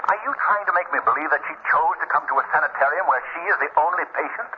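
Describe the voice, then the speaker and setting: An actor playing a commanding, ominous crime-fighter, grave and insistent, with deliberate theatrical delivery in 1940s radio style. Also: male voice, on the high side, close to an everyday voice. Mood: stern, probing. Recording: tinny, hissy old radio recording.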